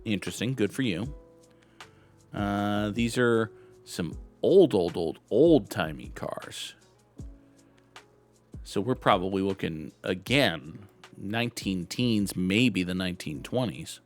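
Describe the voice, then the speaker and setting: A man's voice: lowish voice, expressive, slow pace, faint music behind. A young adult man hosting a gaming channel, giving rambling, wry, self-deprecating commentary as he guesses where and when old photos were taken. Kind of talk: casual commentary while guessing photo locations.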